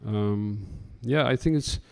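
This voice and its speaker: A man's voice: on the low side, slow pace, creaky, a little mellow. A man addressing a talk audience in loose, chatty remarks full of stammering restarts. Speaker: curator in conversation. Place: talk room before an audience.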